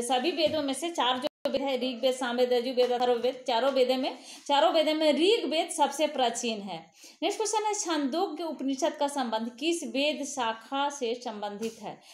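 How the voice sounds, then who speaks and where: A woman's voice: high voice, normal speed, roomy sound. A woman tutor reading exam questions aloud and answering them, with hesitant fillers and self-corrections, her voice lifting sharply on each new question. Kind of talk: exam quiz walkthrough.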